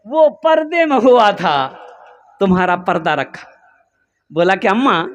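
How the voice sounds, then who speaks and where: A man preaching in a high, carrying voice with a Kolkata Hindi-Urdu accent. He tells a moral tale as a sermon, acting out each character with sudden leaps in pitch and bursts of intensity. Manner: animated storytelling, acting out voices with big pitch jumps. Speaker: Islamic preacher. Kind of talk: storytelling sermon.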